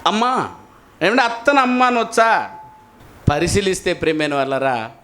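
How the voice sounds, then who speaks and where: A male pastor preaching a sermon in an animated way, often putting questions to his congregation. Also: sits high, moderate pace. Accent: Telugu.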